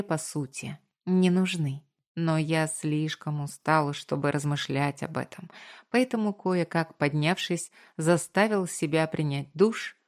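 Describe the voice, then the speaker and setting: Woman reading an audiobook, deep low voice, calm and even. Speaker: audiobook narrator. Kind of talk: scripted first-person narration.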